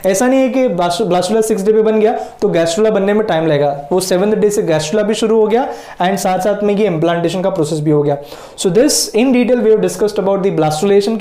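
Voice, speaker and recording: A man teaching biology in a lecture, mixing Hindi and English and drawing out key terms slowly. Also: high voice, warm tone, reverberant. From India. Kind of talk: whiteboard lecture.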